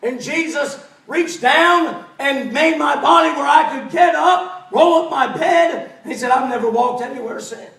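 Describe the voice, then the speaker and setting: A man's voice: very high voice, unhurried, gravelly, hardly any pauses, fairly bright tone, exaggerated voice. A preacher acting as an overjoyed man healed of lameness. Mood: joyful. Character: grown man once lame, now overjoyed. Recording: echoey church, mic at a distance.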